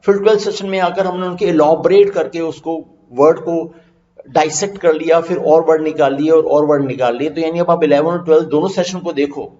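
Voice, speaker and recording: A man teaching vocabulary in an online lesson, mixing Hindi and English, reading English definitions slowly and then explaining them quickly. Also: fairly high pitch, fairly even intonation, dark tone, highs cut off.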